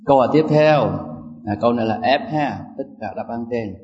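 Male monk teacher, mellow timbre, emphatic delivery, dull lo-fi sound. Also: mid-range voice, brisk. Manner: animated and emphatic, swinging between loud and soft. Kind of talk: Dharma class with quiz questions. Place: lecture hall with an audience. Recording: distant, muffled lo-fi recording.

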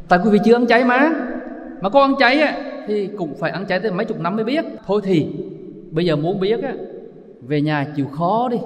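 A Buddhist monk gives a dharma talk in a slightly high voice. He tells stories in a folksy way and turns often to his listeners. The voice carries a long hall reverb. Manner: folksy storytelling, addresses listeners as quý vị.

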